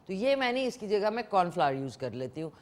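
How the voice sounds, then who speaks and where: A woman's voice: mid-range voice, very animated. A woman hosting a live morning TV show, chatting casually as she cooks and talks to viewers and callers. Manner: chatty, code-switching with English words, talks to viewers and callers. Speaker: morning show host cooking on air. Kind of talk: casual live cooking demonstration.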